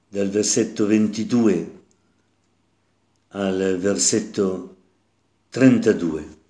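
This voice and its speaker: A priest reads scripture and then reflects on it in a sermon, his lowish, mellow voice moving very slowly and deliberately. He keeps circling back over his own phrases, and the recording carries the echo of a church room.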